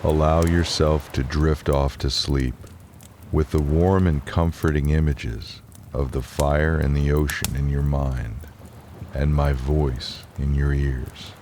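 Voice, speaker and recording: Very deep, slow, soothing male bedtime narrator. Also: noisy background. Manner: soothing, calm, unhurried. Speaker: relaxation narrator and storyteller. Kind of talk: slow guided relaxation and bedtime story narration.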